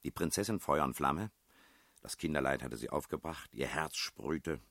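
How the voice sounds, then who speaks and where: A man reading a novel aloud in a measured, expressive storytelling manner. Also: very deep voice, creaky, no echo, studio quality. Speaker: audiobook reader. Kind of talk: literary narration.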